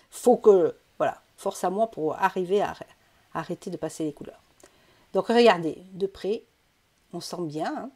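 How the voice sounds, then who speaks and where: A woman's voice: on the low side, measured pace, long pauses, warm tone, breathy edge. A woman talks viewers through her coloring work at a craft table. Her speech is casual and chatty, full of small hesitations and self-corrections, recorded close on a desk mic. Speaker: coloring tutorial host. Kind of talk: casual step-by-step craft demonstration.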